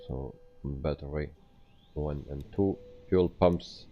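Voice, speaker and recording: Very deep, slow-talking man streaming, dull sound. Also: faint music behind. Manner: hesitant, explaining step by step. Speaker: flight simulator live streamer. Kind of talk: casual game commentary.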